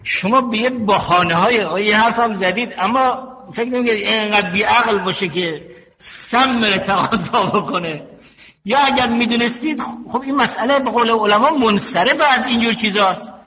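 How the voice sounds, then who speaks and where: Older male preacher, bright, high voice, steady teaching delivery, dull lo-fi hall recording. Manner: slow, measured teaching with stories and quotations. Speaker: cleric. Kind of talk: religious sermon.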